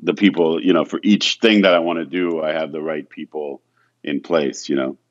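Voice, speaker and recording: The lo-fi clip carries a bass voice at normal speed with fairly even intonation. It belongs to a photographer from France who, as an interview guest, talks casually in a soft, hesitant way, often starting over and saying "you know."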